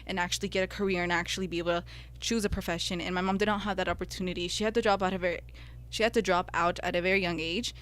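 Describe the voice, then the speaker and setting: A young American woman whose first language is Spanish co-hosts a podcast, sharing personal experiences in an earnest, heartfelt, reflective way. Her voice is on the low side and a bit bright, with fairly even intonation and a racing pace.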